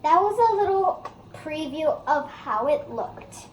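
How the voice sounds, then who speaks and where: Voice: high-pitched, expressive, measured pace. A child co-hosting a casual cooking demonstration in a home kitchen. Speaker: cooking video host. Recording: roomy kitchen echo, background noise.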